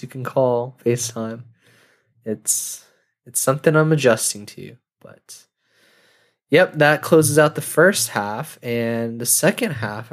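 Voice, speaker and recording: Rambling young man on a solo podcast. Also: mid-range voice. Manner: rambling, self-deprecating, laughs at his own jokes. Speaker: podcast host. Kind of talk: casual solo monologue.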